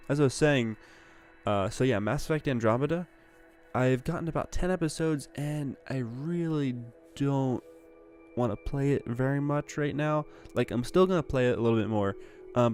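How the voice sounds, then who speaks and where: A man's voice: mid-range voice, darkish tone. A young man hosting a gaming channel, chatting casually over gameplay with a groggy morning voice that sounds a little congested. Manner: chatty, rambling, upbeat.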